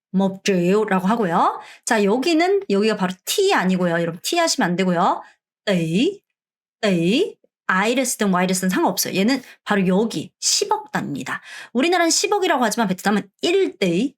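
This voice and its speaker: A middle-aged woman from Korea teaches an online language lesson in a voice of ordinary pitch. She explains each point in friendly classroom talk, then slows right down and repeats the words with care so learners can copy them.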